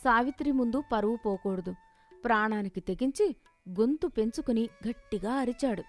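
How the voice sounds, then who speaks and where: A woman narrating a children's animated moral story with dramatic, expressive delivery. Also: on the high side, moderate pace, soft background music.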